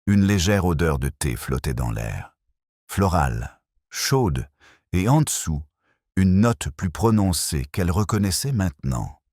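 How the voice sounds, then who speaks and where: Male audiobook narrator, very low, husky, slow even mystery reading. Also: dry recording, studio quality. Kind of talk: scripted narration of a mystery story.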